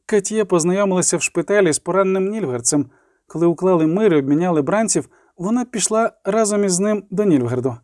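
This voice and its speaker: A quiet young temple adept speaks softly and earnestly in a lifted, warm voice, as a male reader puts her on. She keeps her voice low and steady. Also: fast talker, dry recording, clean studio sound. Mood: gentle. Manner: soft, earnest.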